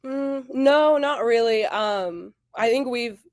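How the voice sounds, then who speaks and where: A woman in her twenties, a college softball player, talking in a casual interview, animated and full of "like". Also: a little high, takes it slowly, no echo, clean studio sound. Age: 20s. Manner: animated, heavy use of "like", quotes teammates.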